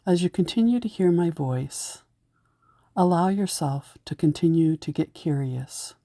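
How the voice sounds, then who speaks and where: A woman with a mellow, low voice talks listeners through a meditation at a measured pace, expressive as she takes her time over each calming, gentle step. The sound is close-up and dry, with no room ambience.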